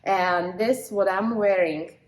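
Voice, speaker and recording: Slow-speaking Slovak woman vlogger. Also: medium pitch, low-quality recording. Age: 20s. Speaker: fitness vlogger. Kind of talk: casual vlog talk to camera.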